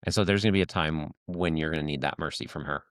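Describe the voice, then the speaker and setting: Low-voiced man, chatty and rambling. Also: quick pace, dry recording, studio quality. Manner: rambling, heavy with "like" and "you know" fillers; acts out little quoted lines. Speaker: podcast co-host. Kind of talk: casual conversation.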